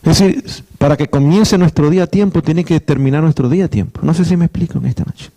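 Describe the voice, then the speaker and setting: A man's voice: a little high, fast talker, mellow. A middle-aged man preaching a sermon as pastor, earnest, often repeating and restarting words.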